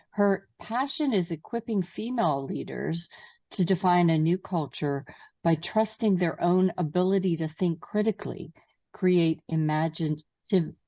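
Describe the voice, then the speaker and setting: A woman hosting an interview podcast reads her guest's bio with small stumbles before moving on to her questions. Her voice is low-pitched and warm, and the mic sounds distant, dull and dry.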